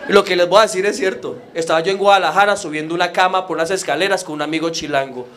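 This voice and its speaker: A man with a Colombian accent works a live comedy club crowd, bouncing between his own telling and quick impressions of other people. His voice sits high for a man. The recording is noisy, with plenty of room ambience. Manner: animated, acts out voices of others. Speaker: stand-up comedian.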